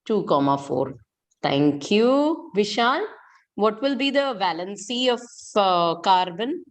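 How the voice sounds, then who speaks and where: A woman's voice: mid-range voice, sing-song, slow. A middle-aged woman with an Indian accent teaching chemistry in an interactive online class, asking questions and repeating key points. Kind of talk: interactive online school lesson.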